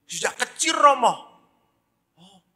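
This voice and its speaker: A priest putting on a high eager young boy. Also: very animated, slow pace, pushed and bright, husky, big-room sound, full character voice. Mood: earnest. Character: cheerful young boy with polio, grateful.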